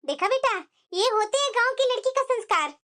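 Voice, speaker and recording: A woman's voice: extremely high pitch, expressive, fairly quick, fairly bright tone. A woman voicing a kind, protective middle-aged mother-in-law in a cartoon, talking in a fond, reassuring, motherly way. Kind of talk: cartoon voice acting.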